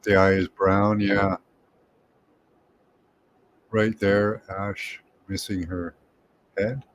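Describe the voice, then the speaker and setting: Deep-voiced man musing aloud. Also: little pitch movement, slight background noise. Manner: thinking aloud, tentative, with pauses and hums. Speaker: remote viewing presenter. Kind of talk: musing commentary over images.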